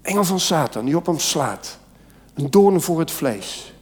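A man's voice: fairly high pitch, animated, a little slow. Fervent preacher man in a reverberant hall. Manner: fervent preaching with rising emphasis. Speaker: pastor. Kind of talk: sermon. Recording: long church hall reverb.

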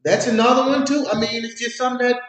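A man's voice: very high-pitched, steady tone, fast, fairly bright tone. A man in a casual chat, teasing and prodding with questions. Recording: distant voice in an echoey room.

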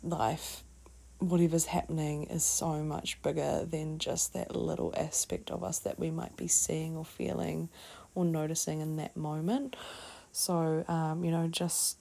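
A woman with a New Zealand accent hosting a reflective solo wellness talk, speaking in a halting, thoughtful way with trailing phrases. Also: deep voice, level tone, gravelly, warm tone. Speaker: podcast host.

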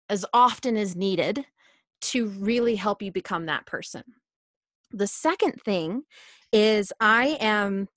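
A woman appears as a podcast guest, speaking earnestly and casually in a self-help tone. Her voice is middle-pitched and fairly bright, and the recording is dry and close with no room sound.

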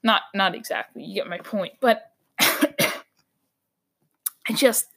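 A woman hosting a solo sports talk podcast, ranting with strong opinions, her voice going hoarse. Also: mid-range voice, slow, a bit bright.

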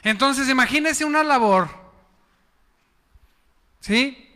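A man's voice: extremely high pitch, slow, pushed and bright, long reverb tail. A man preaching a sermon as pastor, chatty and often asking the congregation questions. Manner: conversational, asks the congregation questions. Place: church.

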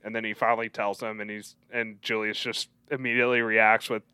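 A young man on a podcast mic, speaking in a bright, clear, fairly low voice. He talks through film scenes one by one, quoting lines with real feeling. The sound is close and dry. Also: level tone, brisk, no room sound. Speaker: podcast co-host. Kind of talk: casual podcast chat.

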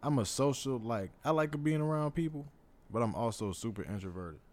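A man co-hosting a casual chat, talking in a relaxed, hesitant way. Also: medium pitch, fairly quick. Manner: relaxed, hesitant, lots of "like" fillers. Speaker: podcast co-host.

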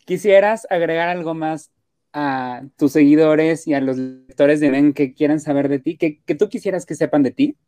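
A woman's voice: low-pitched, moderate pace, dark tone, faint music behind. A woman interviewing a guest for a magazine, asking questions in a friendly, affirming way. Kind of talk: casual interview.

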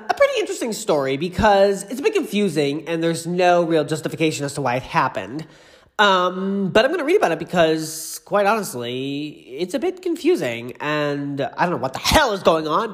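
Congested from allergies, a man with a somewhat high voice hosts a laid-back solo podcast about pop culture, effusive and gushing as he drifts off on asides.

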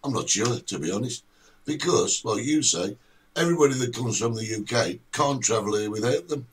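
Chatty man with a very animated pitch. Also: moderate pace, husky, distant mic. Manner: chatty, colloquial, mild British swearing. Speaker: co-host of a chat show. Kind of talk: casual opinionated chat.

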